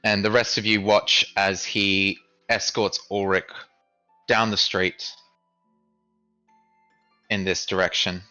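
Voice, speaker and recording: A man narrating as game master of a tabletop game, casual and halting. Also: on the low side, flat delivery, pushed and bright, lo-fi sound, soft background music.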